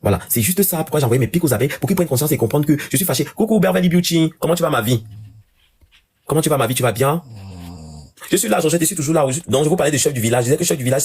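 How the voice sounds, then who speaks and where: A man hosting a casual live stream, talking to his viewers in an animated rant with lots of repetition. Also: on the high side, a little hiss or hum. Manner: rapid, animated ranting with repeated phrases.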